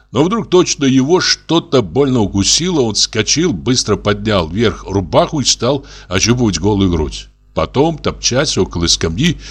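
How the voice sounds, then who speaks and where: A man's voice: on the low side, slightly rough. Man reading a classic story aloud. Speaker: audiobook narrator. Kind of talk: literary audiobook reading.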